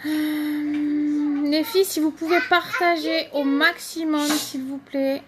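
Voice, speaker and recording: Woman, high-pitched, chatty live-stream host, casual product demo, faint background noise. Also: little pitch movement, slow. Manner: chatty, greets viewers by name, many fillers. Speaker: makeup seller hosting a live stream.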